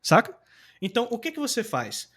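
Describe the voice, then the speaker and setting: Young brazilian guy teaching english, pretty high voice, loose and slangy, really animated. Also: a little fast. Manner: animated and slangy, acting out example phrases. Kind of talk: casual teaching talk.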